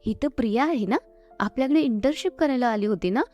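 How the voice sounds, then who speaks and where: A woman's voice: a little high, quick pace, a little mellow, lo-fi sound, faint music behind, close to an everyday voice. A woman voicing a stern, commanding older mother-in-law who questions and lectures.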